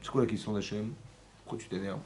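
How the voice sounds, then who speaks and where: A man teaching a Torah class in a synagogue, lively and often checking in with his listeners. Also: on the low side, fast, a little hiss or hum. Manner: lively, asks frequent check-in questions, mixes Hebrew terms. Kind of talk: animated Torah lesson with questions to the audience.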